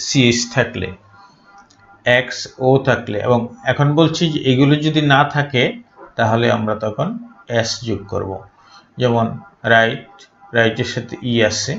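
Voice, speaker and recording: Gravelly-voiced male teacher in an echoey room. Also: mid-range voice, a bit bright. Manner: slow, deliberate dictation-like drilling. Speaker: English teacher. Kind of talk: grammar lesson. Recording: echoey room, dull lo-fi sound.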